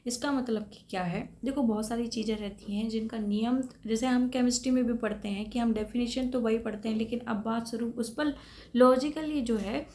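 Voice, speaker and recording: A woman's voice: on the high side, steady tone, a little fast, darkish tone, slight background noise. A woman teacher explaining computer topics for a competitive exam in a patient lecture style, checking in often with her students. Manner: explanatory, checks in with repeated "thik hai". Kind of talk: classroom lecture.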